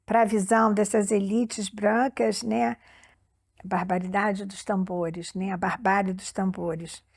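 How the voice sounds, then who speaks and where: A woman's voice: mid-range voice, flat delivery, measured pace, vocal fry, a little mellow, no echo, clean studio sound. A woman in a documentary interview, reading a list aloud and commenting on it.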